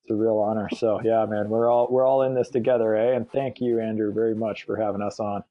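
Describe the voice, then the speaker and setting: A man's voice: lowish voice, flat delivery, fairly quick, no echo, highs cut off. A man, a guest on a podcast, talking casually and enthusiastically. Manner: enthusiastic, hyping others up. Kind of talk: casual interview talk.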